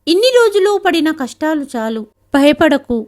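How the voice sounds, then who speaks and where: A woman's voice: high voice, big pitch swings, moderate pace, a little mellow. A woman reading the lines of a protective middle-aged mother in a spoken family story, anxious and indignant. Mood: worried.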